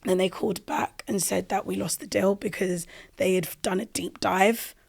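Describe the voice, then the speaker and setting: A woman's voice: mid-range voice, moderate pace, vocal fry. London woman telling stories on a podcast. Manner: animated, emphatic storytelling with slang. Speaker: podcast guest, social media content creator. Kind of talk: casual podcast chat. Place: podcast recording.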